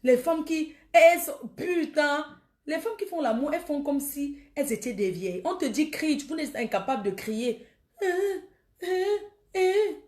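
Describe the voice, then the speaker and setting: A woman's voice: high-pitched, moderate pace, a little mellow. A woman, ranting defiantly and taunting her critics on a Facebook live video. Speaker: social media livestreamer.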